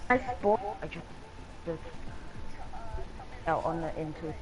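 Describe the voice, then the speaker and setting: A man's voice: fairly high pitch, lively intonation, takes it slowly. A man answering in short, mumbled bits over a voice call whose mic keeps crackling and cutting out. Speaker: sim racing driver interviewed after a race. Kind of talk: casual post-race voice chat. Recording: breaking-up voice chat with music behind.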